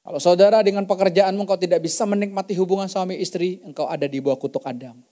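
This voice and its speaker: A man's voice: sits high, fast, dark tone. A man pastor preaching a church sermon, telling testimony stories in an emphatic, conversational way. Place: church service.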